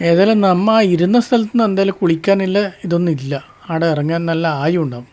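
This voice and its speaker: A man's voice: sits high, quick pace, a little mellow. A man with a Malayali accent casually narrating his travel vlog outdoors. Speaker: vlogger. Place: outdoors by a river.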